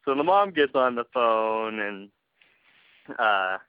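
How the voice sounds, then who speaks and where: Man, podcast host, casual chat, laughs often, animated retelling, dull lo-fi sound. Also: fairly low pitch, slow pace, clean tone.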